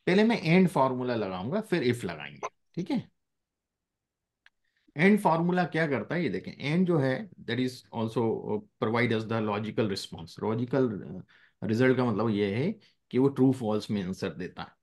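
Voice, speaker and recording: A man's voice: medium pitch, sing-song, measured pace, a little mellow. A male teacher taking a live class, with a voice that rises and falls a lot as he explains. He mixes in English phrases and keeps stopping to check that everyone is following.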